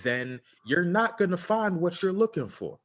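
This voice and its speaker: A man's voice: high voice, big pitch swings, normal speed, a bit bright. A man co-hosting a podcast, giving relationship advice in casual chat with a preachy, earnest manner and lots of fillers. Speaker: podcast co-host.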